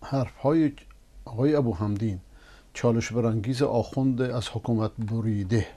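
A man hosting a religious TV program, reading viewers' messages and preaching emphatically. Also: medium pitch. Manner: emphatic, rising to forceful denunciation. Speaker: preacher and TV host. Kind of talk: religious TV talk answering viewers.

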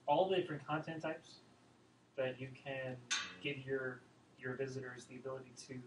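A man's voice: mid-range voice, slight background noise. A man in the audience asking questions at a meetup, in a friendly, joking way. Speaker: audience member. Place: meeting room. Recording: roomy, distant.

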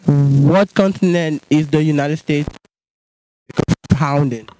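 A man's voice: a little high, takes it slowly, dark tone, no echo, soft background music, rough recording. A young man asking playful questions in a street interview outdoors at night, holding a handheld mic, often laughing. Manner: playful, laughing, repeats "all right".

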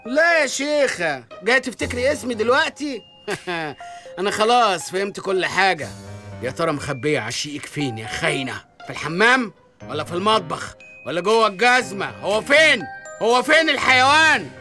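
A man with an Egyptian Arabic accent playing a jealous, excitable young husband in a comic radio drama, indignant and quick. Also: sits high, faint music behind, heavily acted. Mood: accusing. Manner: indignant, rapid complaints.

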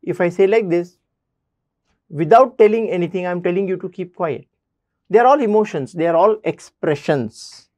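A man's voice: high-pitched, normal speed, darkish tone, dry recording, muffled recording. A man teaching a basic math lesson. He addresses students directly and repeats key points.

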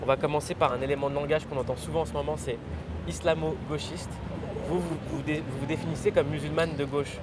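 Male talk show host, slightly high voice, lively, noise in the background. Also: quick pace. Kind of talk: studio interview.

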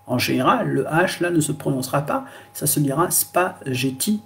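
A man teaching a pronunciation lesson in French, explaining slowly with many fillers and repetitions. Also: fairly high pitch, lively intonation, creaky. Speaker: language teacher.

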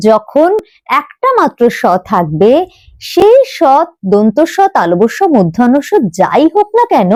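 A woman's voice: high-pitched, darkish tone, dry recording, clean studio sound. A woman teaching pronunciation in a spoken lesson, asking questions and stressing words as she explains.

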